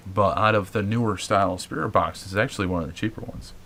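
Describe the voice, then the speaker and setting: A man's voice: fairly low pitch, fast, a bit bright, slight background noise. A man hosting a paranormal show, explaining casually to viewers with many fillers and restarts. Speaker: paranormal investigator host.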